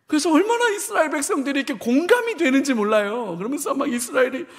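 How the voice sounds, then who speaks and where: A high-voiced male pastor preaches a midweek Bible lecture, telling the story with lively humor and dropping now and then to hushed asides. His voice rings through the long reverb of a large church hall. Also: fast.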